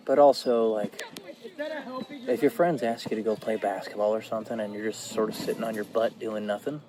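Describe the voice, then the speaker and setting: A man's voice: on the low side, fairly even intonation, a little fast, a crowd in the background, low-quality recording. A man talking casually to his viewers in an unscripted, reflective and informal vlog style, outdoors. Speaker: vlogger. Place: outdoors in a park. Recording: clear background ambient noise.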